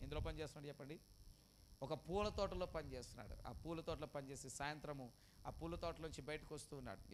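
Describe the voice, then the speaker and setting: A man preaching an emotional storytelling sermon. He repeats phrases, asks the congregation questions, and swings from loud cries to hushed lines. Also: on the high side, a little hiss or hum.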